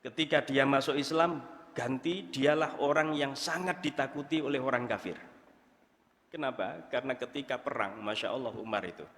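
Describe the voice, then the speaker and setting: Animated East Javanese preacher in an echoing mosque. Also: male voice, medium pitch, moderate pace. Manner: folksy and animated, slipping into Javanese with jokes and laughter. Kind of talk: dawn mosque sermon. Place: mosque hall. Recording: long hall reverb in a mosque.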